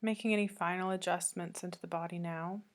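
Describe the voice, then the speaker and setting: Calm and gentle, a female yoga teacher guides a meditation, leaving long pauses between her soothing instructions. Her voice sits on the lower side.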